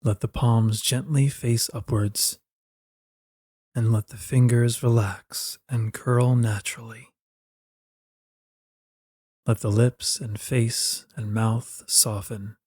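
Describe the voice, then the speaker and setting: A man leads a guided relaxation, speaking very slowly in a soft, steady, mid-range voice with a breathy edge and a dark, mellow quality. His soothing words come as careful instructions for settling down, in clean studio sound with no echo.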